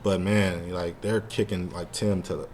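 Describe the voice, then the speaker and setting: His low-pitched, darkish voice barely moves in pitch and keeps a measured pace, with some hiss or hum present. A co-host on a relaxed fan podcast, he rambles in slang and says "like" often.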